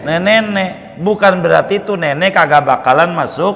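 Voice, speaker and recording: A male Islamic preacher, telling a story in a sermon with jokey asides and sudden loud bursts. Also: sits high, normal speed, vocal fry. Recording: reverberant hall.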